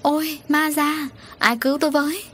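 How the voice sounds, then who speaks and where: A woman voicing a young woman raving in terror, shrill and frantic, in an audio story. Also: a little fast, a little hiss or hum, close to an everyday voice.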